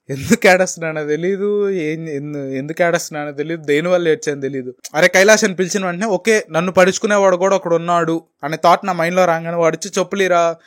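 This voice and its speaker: A young man in his twenties with a Telugu accent, telling a candid personal story as a vlogger and slipping English phrases into his talk. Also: fairly high pitch. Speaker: motivational vlogger.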